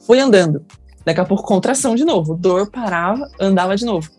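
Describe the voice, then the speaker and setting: A woman's voice: medium pitch, animated, fast talker, a little mellow, breathy edge, dry recording, soft background music. A young woman with a Brazilian Portuguese accent telling her birth story in casual talk, emotional and acting out the people she quotes. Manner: emotional, acts out quoted people in raised voices.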